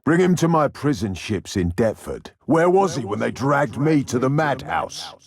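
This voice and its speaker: An actor playing a deranged, sadistic Victorian serial killer in a video game, with a gravelly, husky British voice and a theatrical, taunting delivery. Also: male voice, medium pitch, very animated. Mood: cold menace. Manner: theatrical, taunting, drawn-out menace.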